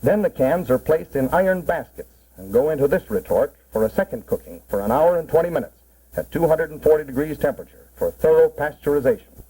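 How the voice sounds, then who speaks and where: A man narrates a 1940s promotional film as a cannery guide, proudly and matter-of-factly explaining the packing process during a tour in a plain, instructive mid-century style. His fairly high voice is expressive, husky, dark-toned, and a little fast. The worn soundtrack sounds muffled.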